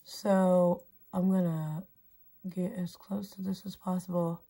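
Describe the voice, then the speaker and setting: A woman's voice: on the low side, little pitch movement, slow pace, vocal fry, dark tone. A woman hosting a casual makeup tutorial vlog, talking in a chatty, playful, slangy way. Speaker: beauty vlogger host. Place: indoors by a mirror.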